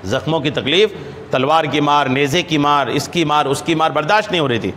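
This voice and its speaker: Animated high-voiced male preacher in a reverberant hall. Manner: chants Arabic hadith text slowly, then explains it in lively repetitive speech; asks rhetorical questions and repeats key phrases. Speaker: religious scholar and preacher. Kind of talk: hadith lesson sermon. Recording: long hall reverb, faint background noise.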